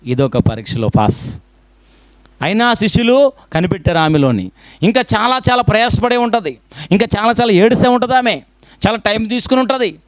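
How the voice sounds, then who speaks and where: A man preaching a fervent sermon as a pastor, firing off rhetorical questions and swinging between loud pleading and hushed low lines. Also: expressive, fairly quick, long pauses, dry recording.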